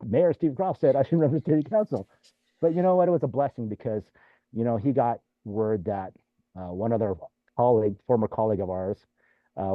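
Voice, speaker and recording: This Californian ex-mayor has a lowish voice as he loosely spins stories, sprinkling "you know" and "right?" throughout. There's no room sound; the audio is dry and thin, much like a phone line.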